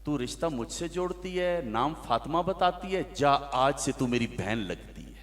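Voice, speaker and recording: A man's voice: mid-range voice, animated, measured pace, big-room sound, pitched above the performer's own voice, natural voice. A male preacher voicing an honorable warrior king who speaks in a stern, dignified way.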